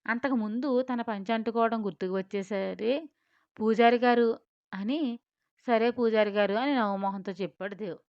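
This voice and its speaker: A woman tells a romance audio story with expressive, descriptive narration. Her voice is smooth and clear, close to the mic. The room is dry and the sound slightly lo-fi. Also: medium pitch, normal speed, dry recording. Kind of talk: scripted narration.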